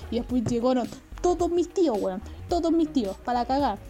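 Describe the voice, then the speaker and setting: A woman's voice: sits high, expressive, a little fast, mellow, soft background music. A woman with a Chilean accent casually telling childhood anecdotes, full of slang and swearing and laughing as she goes. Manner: slangy, swears often, laughs through stories. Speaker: storyteller.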